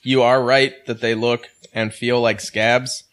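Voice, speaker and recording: A man's voice: mid-range voice, flat delivery, a little slow, a bit bright. A man co-hosting a casual snack review, making dry, wry remarks.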